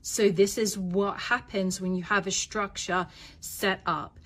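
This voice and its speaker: A woman's voice: medium pitch, steady tone, a little slow. Firm, emphatic woman coaching parents. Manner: emphatic, repeats key points for stress. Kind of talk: instructional talk to parents.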